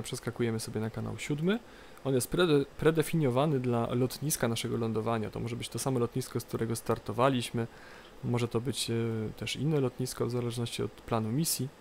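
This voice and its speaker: A man with a gravelly edge narrates a game tutorial off the cuff. He explains haltingly, repeating phrases, over faint noisy cockpit ambience. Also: mid-range voice. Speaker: tutorial presenter. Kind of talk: unscripted game tutorial commentary. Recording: light background noise, game cockpit ambience. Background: flight simulator cockpit ambience.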